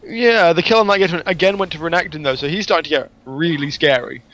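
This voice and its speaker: Male co-caster, analytical color commentary, slightly raised pitch. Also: fairly bright tone, muffled recording. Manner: explanatory, measured analysis. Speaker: guest co-caster.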